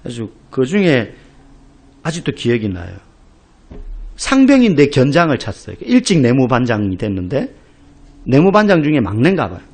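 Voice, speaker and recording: A man's voice: medium pitch, normal speed, pauses often. A middle-aged man from South Korea preaching a sermon as pastor, telling stories with acted-out quotes and emphatic exclamations. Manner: animated storytelling, acting out quoted voices; emphatic, rising to loud exclamations.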